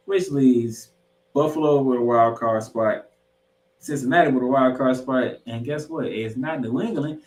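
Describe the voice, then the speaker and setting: In a roomy, echoing space, a man with a medium-pitched, darkish voice co-hosts a sports podcast. He previews games emphatically in game-preview banter, posing questions and repeating phrases for effect.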